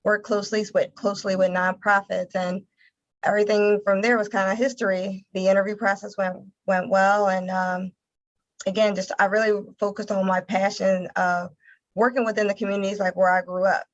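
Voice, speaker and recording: An interview guest, an American woman from Philadelphia who directs communications for a nonprofit, answers questions conversationally. Her medium pitch stays fairly steady, and she halts and repeats words while thinking. The audio sounds a little dull and lo-fi.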